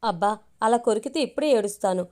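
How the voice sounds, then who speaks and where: A woman's voice: mid-range voice, quick pace, darkish tone, lightly acted. A woman voicing a playful young woman who teases the man she loves, read in a plain storytelling voice. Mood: teasing. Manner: teasing, affectionate.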